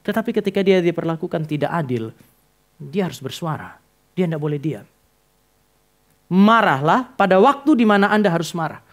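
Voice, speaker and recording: A male pastor delivers a sermon to his congregation in a church, addressing them directly. His voice sits high for a man. He tells stories and acts out the dialogue in them. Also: lively intonation, normal speed, long pauses.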